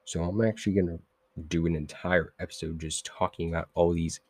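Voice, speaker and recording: Low-voiced man rambling through a recap. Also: fairly even intonation, a little fast, darkish tone, no echo. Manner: rambling, loose, full of fillers and self-corrections. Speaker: podcast host. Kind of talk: casual comic recap.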